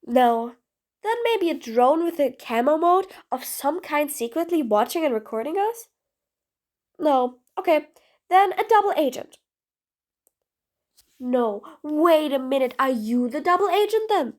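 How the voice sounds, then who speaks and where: A woman's voice: high voice, animated, measured pace, long pauses, a little mellow. A woman voicing a sarcastic, exasperated female supervillain in an audio role-play drama, taunting her prisoner with bossy nicknames. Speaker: voice actress.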